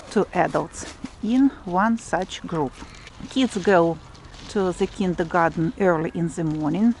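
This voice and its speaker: A woman with a Russian accent chatting casually for a walk-and-talk vlog, explaining things haltingly as she searches for English words. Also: on the low side. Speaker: vlogger. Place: outdoors, walking through a provincial town. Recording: clearly noisy outdoor street ambience, vehicles. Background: urban outdoor noise and vehicles.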